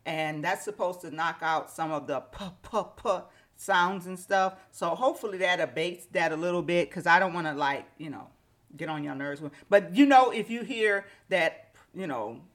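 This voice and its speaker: A woman's voice: lowish voice, normal speed. Woman podcaster with slightly slushy retainer speech. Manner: conversational, reflective, addresses listeners directly. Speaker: podcast host. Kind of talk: casual solo podcast monologue. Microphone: microphone with pop filter and windscreen.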